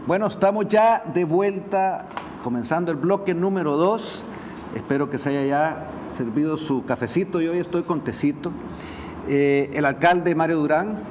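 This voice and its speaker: Higher-voiced Salvadoran TV host. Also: male voice, a little mellow, slight background noise. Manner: friendly, joking, with frequent restarts. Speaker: TV show host. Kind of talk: casual TV interview chat.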